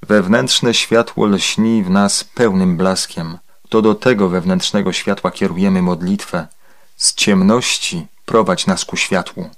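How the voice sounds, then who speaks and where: A man reading a translated spiritual discourse aloud in a measured, solemn, explanatory way. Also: low voice, steady tone. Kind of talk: formal read-aloud discourse.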